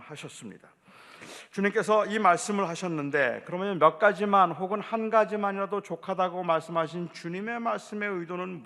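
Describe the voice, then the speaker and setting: Male pastor, lively storytelling sermon, gravelly tone, big church reverb. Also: sits high. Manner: storytelling, acting out quoted voices. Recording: echoey church hall.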